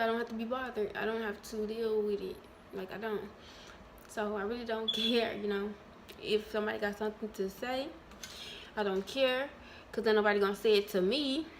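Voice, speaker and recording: A woman's voice: mid-range voice, steady tone, slight background noise. Chatty woman vlogging candidly to viewers. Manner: many ums and trailing pauses. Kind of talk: casual vlog.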